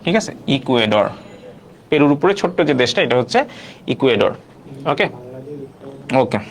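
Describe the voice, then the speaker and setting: A man's voice: medium pitch, very animated, normal speed. A man teaching an online quiz class, repeating each question and prompting viewers to answer.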